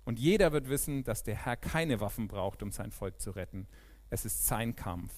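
A man's voice: on the low side, lively intonation, normal speed, lightly acted. A preacher reading the lines of a bold young male shepherd hero, declaiming firmly. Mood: defiant. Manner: declaiming, firm.

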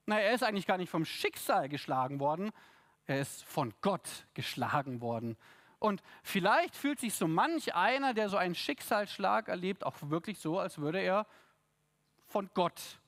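A man preaching a sermon in a lively, conversational way, with asides and tag questions to his congregation. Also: high-pitched. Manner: reads scripture aloud with the congregation.

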